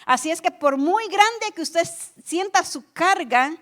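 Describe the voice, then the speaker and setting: A woman's voice: very high voice, animated, measured pace, a bit bright. A woman pastor preaching a sermon, earnestly addressing her listeners as brothers and acting out pleading prayers.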